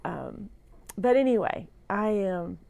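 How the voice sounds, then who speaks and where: A middle-aged woman weak and groggy after surgery, rambling sincerely and haltingly in a personal livestream from a hospital room. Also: mid-range voice, sing-song, gravelly, dry recording, narrow, tinny audio. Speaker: vlogger sharing a personal update.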